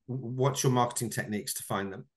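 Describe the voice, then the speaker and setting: A man's voice: medium pitch, brisk. A middle-aged man hosting a business interview over a video call, friendly, often repeating words as he frames his questions. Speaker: interview host. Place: home room indoors. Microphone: webcam on a video call.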